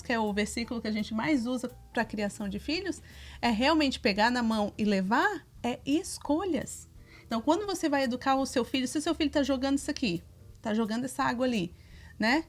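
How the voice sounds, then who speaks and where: Woman, 30s, high voice, animated parenting co-host over soft music. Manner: animated, acts out quoted dialogue with her children.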